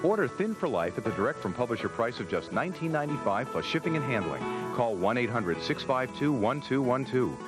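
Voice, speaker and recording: A man giving an infomercial sales pitch as a direct-response announcer. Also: very animated, fairly quick, hardly any pauses, poor audio. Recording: music bed behind voice.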